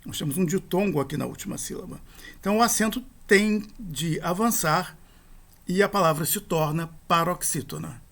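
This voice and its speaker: Guy teaching a grammar class, kinda high voice, goes through every ending slowly. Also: fairly bright tone. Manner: methodical, spells out endings and accent rules. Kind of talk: recorded grammar lesson.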